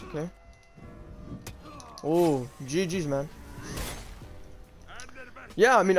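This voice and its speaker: A male gaming YouTuber with a slightly high-pitched voice commentates on his matches as he plays. His delivery is casual and slangy, peppered with curses. Some music plays behind him. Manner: informal, slangy and sweary. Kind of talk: casual live gameplay commentary.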